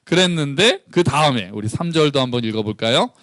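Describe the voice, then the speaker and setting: A man's voice: on the high side, expressive, fairly quick, fairly bright tone, no room sound, clean studio sound. A man, a pastor, preaching a conversational sermon and acting out dialogue between the characters.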